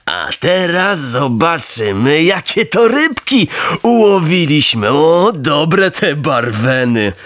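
A man voicing a greedy fisherman in a storybook reading, savoring each word slowly and chuckling over his catch. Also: fairly high pitch, sing-song, a bit bright, no room sound, clean studio sound, heavily acted. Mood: relishing. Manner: slow, relishing, chuckling. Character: greedy, gloating fisherman, adult male.

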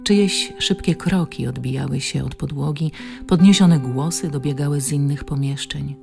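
Brief: low-voiced female audiobook reader, slightly gravelly, calm pace, faint guitar behind. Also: moderate pace. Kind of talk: scripted audiobook narration.

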